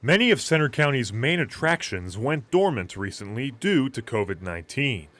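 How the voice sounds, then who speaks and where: A man's voice: medium pitch, big pitch swings, moderate pace, a bit bright. A man delivering scripted broadcast news as an anchor and field reporter.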